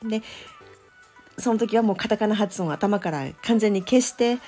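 A woman who teaches English pronunciation, talking alone on her podcast in a gentle, thoughtful way with many small fillers. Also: medium pitch, normal speed, soft background music. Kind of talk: solo podcast talk.

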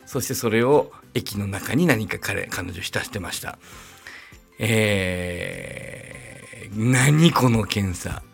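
A middle-aged man with a gravelly, slightly husky voice tells a personal story in a loose, rambling podcast chat. His pitch swings freely up and down as he adds wry asides, and soft music plays faintly behind him. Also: big pitch swings, slow pace, long pauses. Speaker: podcast host. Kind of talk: casual storytelling monologue.

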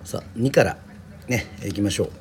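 A man from Yoron Island, a musician and podcast host, reading a children's story aloud in a steady storytelling manner. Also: fairly low pitch, a little fast, a little hiss or hum. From Yoron Island, Japan. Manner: steady storytelling with casual asides.

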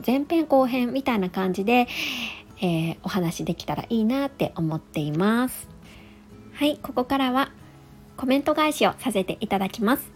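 A woman in her thirties hosts a casual solo podcast, reading listener comments aloud in a friendly, chatty manner sprinkled with soft fillers. Her voice sits a little high.

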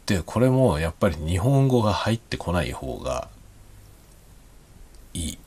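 Very deep, husky-voiced man chatting quietly. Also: very animated, normal speed. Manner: soft, rambling, self-deprecating, chuckles often; speaks quietly while drinking. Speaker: podcast host. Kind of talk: late-night quiet solo chat.

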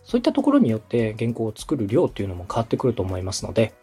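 This Osaka man hosts a podcast and coaches, also working as a radio director, offering courteous, supportive instructional advice in conversation. His voice sits on the low side with huge pitch swings, a racing pace, and a dark, slightly rough tone over soft background music.

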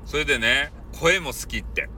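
A man's voice: medium pitch, animated, normal speed, bright, forceful tone, soft background music. A man with a Hakata dialect, chatting casually and jokingly as the host of a solo podcast. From Fukuoka, Japan. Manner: chatty, jokey, mixes dialect into polite speech.

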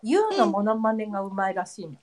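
Woman hosting a chatty online talk show, bouncy lively voice, easygoing and giggly. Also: mid-range voice, a little fast, crowd noise. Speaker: podcast host. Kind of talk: casual chat with friends.

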